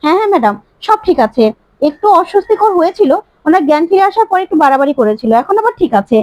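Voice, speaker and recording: A woman's voice: extremely high pitch, sing-song, very fast, a little mellow, dry recording. A woman voicing a crooked male hospital doctor who speaks in a reassuring way. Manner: reassuring on the phone. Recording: slightly muffled dry recording.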